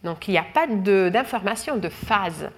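A woman's voice: mid-range voice, animated, moderate pace. A woman giving a lecture, explaining carefully with frequent fillers and restarts. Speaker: researcher lecturing.

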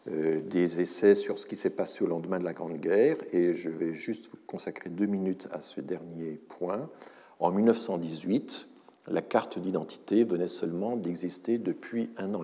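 Male academic lecturer, low and mellow, halting, filler-heavy delivery, long hall reverb. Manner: hesitant, many fillers and restarts, wry asides. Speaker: university lecturer.

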